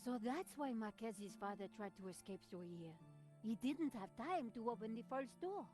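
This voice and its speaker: A woman's voice: a little high, animated, normal speed, a little mellow, faint music behind, lightly acted. A woman voicing a teasing adventure companion. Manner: wry, teasing.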